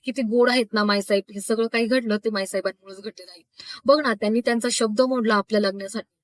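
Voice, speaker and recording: A woman's voice: medium pitch, fairly even intonation, fast talker, close to an everyday voice. A woman voicing a young newlywed woman, earnest and loving, with a pleading, affectionate manner. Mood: teasing.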